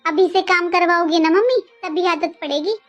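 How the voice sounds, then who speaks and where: A woman's voice: very high voice, moderate pace, a bit bright, soft background music. A woman voicing a scheming young sister-in-law who talks in a needling, insistent way.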